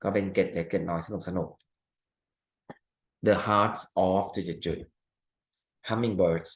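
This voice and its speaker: A male teacher walking through exam answers step by step, asking rhetorical questions and reading example sentences slowly. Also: low-pitched, steady tone, reverberant. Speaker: English teacher. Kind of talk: exam answer walkthrough lesson.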